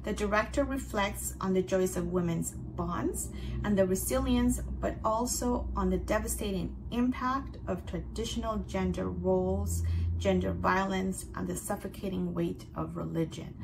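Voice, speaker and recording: A woman with a fairly low voice that often drops into a gravelly fry. She presents recommendations as a host, half-scripted and conversational, explaining in measured phrases. A light ambient noise sits behind her. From outside North America. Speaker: festival picks host.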